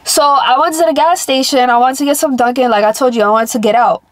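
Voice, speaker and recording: A woman's voice: sits high, fairly even intonation, fast, a crowd in the background. A young woman chatting casually to camera in a parked car, her nose blocked and nasal as with a broken nose, taking breaths through her mouth. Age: young adult. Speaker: prank vlogger.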